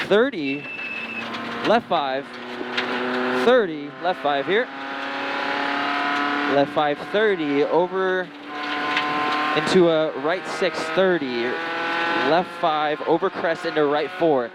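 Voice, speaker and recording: A man's voice: a little high, slow, long pauses. A man working as a rally co-driver, calling out pace notes in clipped, repeated strings of numbers and directions from inside a moving car. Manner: clipped, repetitive callouts with numbers. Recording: very loud race car engine noise. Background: engine roar, tire squeal, car noise.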